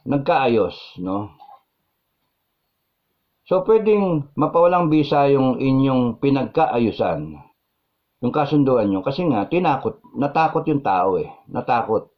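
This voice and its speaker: A man's voice: medium pitch, very animated, slow, long pauses. A man with a Filipino accent hosting a live-stream vlog, reading viewer comments and ranting indignantly, switching between Tagalog and English and repeating phrases for emphasis. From Philippines. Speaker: vlog host. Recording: dull lo-fi sound.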